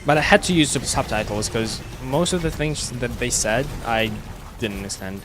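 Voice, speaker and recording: A man with a slight British-sounding accent, chatting casually with viewers while streaming a game, talking haltingly with many restarts. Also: medium pitch, animated, music in the background. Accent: slight British-sounding English, learned at school. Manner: halting, with frequent restarts and fillers. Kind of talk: casual chat while gaming live.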